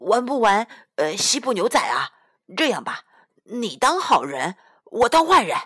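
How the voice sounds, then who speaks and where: A woman voicing a big bossy male tiger in a children's story, in a lowered, gruff voice that coaxes with hesitant fillers. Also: very animated, measured pace, fairly bright tone, full character voice.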